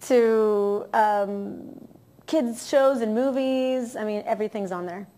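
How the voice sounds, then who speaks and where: A woman's voice: on the high side, takes it slowly, dark tone. A woman with a Miami accent, chatting upbeat as an actress guest in an interview. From Miami, Florida, USA. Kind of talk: casual interview chat.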